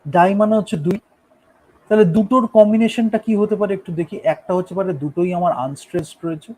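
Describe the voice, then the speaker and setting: High-voiced man teaching a lesson. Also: fast talker, a little mellow, low-quality recording. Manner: explains step by step, often checks understanding. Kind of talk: classroom lecture on poetic meter.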